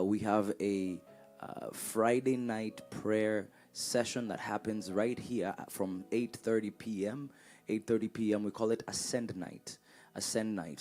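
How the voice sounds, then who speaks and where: A man with a lowish, warm voice leads a church service before a congregation, offering welcomes and announcements. His style is exhortatory, with repeated words and calls for the crowd to respond.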